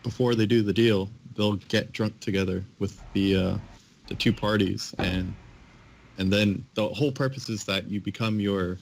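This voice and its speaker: Gravelly, fairly low-voiced man. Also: steady tone, moderate pace, slight background noise. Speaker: podcast co-host. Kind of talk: casual chat.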